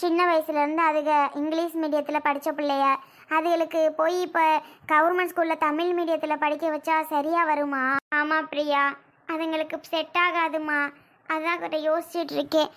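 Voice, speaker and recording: A high, bright voice gives this worried mother of two girls, played by a woman a soft and pleading sound. She talks in a sorrowful way in a family drama skit.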